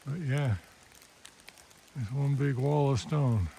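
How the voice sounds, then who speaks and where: Easygoing man, mellow voice, filming himself outdoors on a trail with a handheld camera. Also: mid-range voice, slow, gravelly, slight background noise, rough recording. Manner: easygoing, plainspoken, frequent ums. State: out of breath. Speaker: hiking vlogger. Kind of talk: casual vlog narration on the trail.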